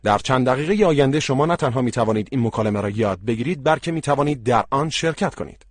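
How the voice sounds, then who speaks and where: A man narrating a language course as its instructor, speaking in a slow, deliberate and instructive way. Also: mid-range voice, animated, dry recording.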